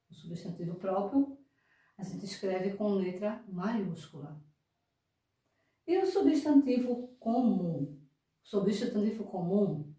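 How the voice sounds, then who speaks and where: Slow, patient Brazilian teacher in echoey room. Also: female voice, medium pitch, dark tone, far from the mic. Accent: Brazilian Portuguese. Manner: patient, repeats points and checks with "né?" and "não é?". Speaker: primary school teacher. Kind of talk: slow, deliberate remote grammar lesson for young children.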